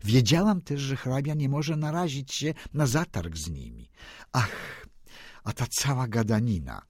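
Tender pleading young noblewoman, man reading her, husky voice, swings up and down a lot. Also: medium pitch, big pitch swings, unhurried, dry recording, studio quality. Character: tearful gentle young noblewoman. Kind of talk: audiobook reading.

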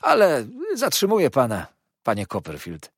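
Casting note: a syrupy, groveling young clerk, sly and falsely humble, pitched high and pushed loud, read by a man in a storybook reading. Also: huge pitch swings, normal speed, slightly rough, no room sound, studio quality, full character voice. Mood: fawning. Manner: sugary, wheedling, obsequious.

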